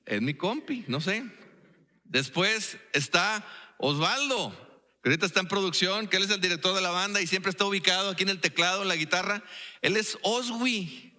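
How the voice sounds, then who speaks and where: A man's voice: high voice, normal speed, sharp tone. A man with a Mexican accent preaching a sermon in a church, playful and full of storytelling and jokey asides. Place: church sanctuary. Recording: echoey church hall.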